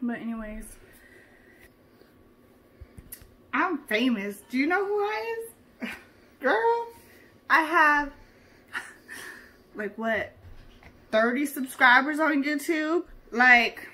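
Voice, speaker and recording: A woman plays a theatrical would-be celebrity in a comedy sketch, slangy and full of attitude. Her voice sits high and bright, and she takes her time, drawing out her complaints. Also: exaggerated voice. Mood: boastful. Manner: slangy, theatrical, swings from hushed confiding to loud indignation. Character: dramatic, sassy young woman who thinks she is famous. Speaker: interviewee.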